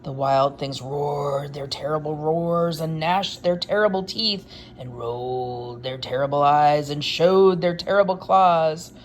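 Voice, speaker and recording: A woman reading a picture book aloud in an expressive, unhurried way, with wry, casual asides. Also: deep voice.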